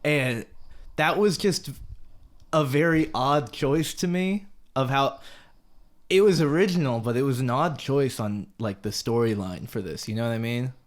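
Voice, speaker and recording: A young man co-hosting a casual movie review podcast, animated and jokey, laughing often and jumping high in pitch when excited. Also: a little slow. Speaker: podcast co-host.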